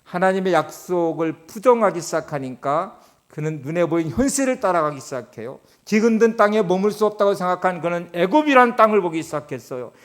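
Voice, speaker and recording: A man preaching a sermon as pastor, dropping to soft, low remarks and then rising to loud, emphatic lines, and acting out quoted voices along the way. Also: animated, brisk. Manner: swings between soft, low asides and loud, emphatic rises; acts out quoted voices in dialogue.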